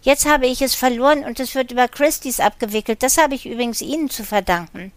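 A woman's voice: sits high, fast talker, dry recording, voice pushed up, natural voice. Woman putting on a whiny cornered man. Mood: whining. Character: whiny cornered older male art dealer. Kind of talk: audiobook reading.

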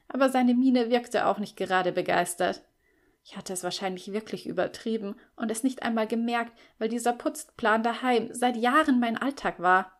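A woman reading a first-person novel as an audiobook narrator, expressive and lively. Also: mid-range voice.

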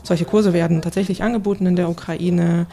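A woman working as a correspondent, explaining things in a conversational reporting style with a creaky voice. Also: lowish voice, fairly even intonation, a little fast, mellow.

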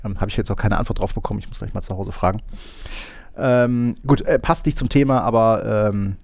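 A man's voice: on the low side, brisk, a little mellow, no room sound. A man co-hosting a casual tech podcast, rambling with many fillers and telling grumbling, wry stories. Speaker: podcast co-host. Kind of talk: casual chat.

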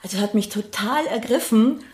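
In a reverberant space, this Bavarian woman of middle age talks at normal speed, her voice on the high side and a little mellow. Interviewed as a singer and leader of a grief singing circle, she gropes thoughtfully for words and checks for agreement with brief tag questions.

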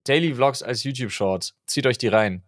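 A man's voice: mid-range voice, normal speed, no room sound, studio quality. A man co-hosting a casual podcast, bantering in blunt, teasing, slangy speech. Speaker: podcast co-host.

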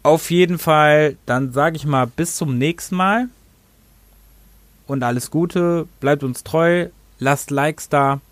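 A slightly high-pitched man speaks slowly with no echo. He hosts a laid-back game review podcast, rambling and frequently stumbling over his words before correcting himself.

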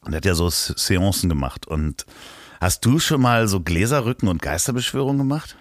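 Low-voiced man teasing his co-host. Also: lively intonation, fairly quick, no room sound, studio quality. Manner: teasing, rambling with fillers. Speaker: podcast co-host. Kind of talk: casual chat. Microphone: remote call.

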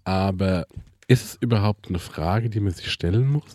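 A man's voice: low voice, moderate pace, darkish tone, dry recording, studio quality. A man in a casual chat, giving blunt, frank opinions.

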